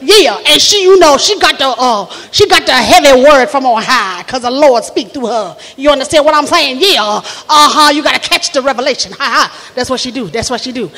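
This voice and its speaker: A woman's voice: high voice, lively intonation, brisk, few pauses, fairly bright tone, in a large hall. A woman voicing a preachy church woman who claims the Lord speaks through her.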